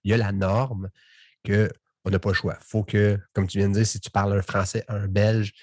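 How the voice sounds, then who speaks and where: A man with a Québécois French accent hosts a relaxed podcast interview, wandering through his thoughts with restarts. His voice sits low and a bit husky, in a dry, close recording. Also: moderate pace, no echo. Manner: rambling, conversational, many restarts. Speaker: podcast host.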